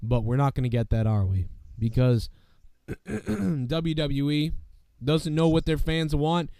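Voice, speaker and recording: A sick podcast host who is losing his voice rambles casually and profanely through show commentary, peppering it with "you know what I mean." His voice runs on the high side, slow, mellow, and smooth, captured as clean studio sound with no room echo.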